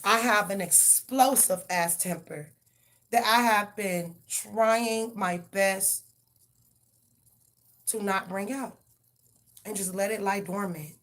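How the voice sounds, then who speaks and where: A woman's voice: mid-range voice, slow, long pauses, a bit bright. A woman giving a live tarot reading and ranting bluntly, with heavy profanity. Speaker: tarot reader.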